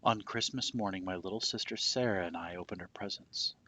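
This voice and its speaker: A man reads a children's story aloud with expression, his low voice husky and breathy. His delivery is hushed, dramatic and deliberate.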